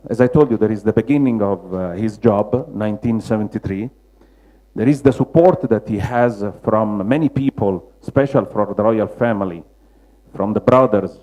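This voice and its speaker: A man with a Roman Italian accent gives a public slide lecture, searching for words in halting non-native English. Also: fairly low pitch, warm tone, rough recording. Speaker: lecturer, mosaic restorer.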